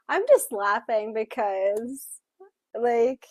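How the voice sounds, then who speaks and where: A woman co-hosting a casual book club discussion, talking in an expressive, chatty way while also voicing interpreted signing. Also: fairly high pitch, no room sound. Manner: expressive, chatty, with frequent fillers.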